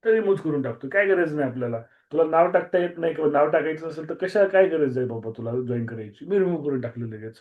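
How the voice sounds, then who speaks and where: A man with a Marathi accent teaches an online maths class, and his voice sounds a little hoarse. His pitch sits fairly high for a man. He is strict and repeats key words. The video-call audio is muffled. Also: lively intonation, fast talker, few pauses. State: slightly hoarse.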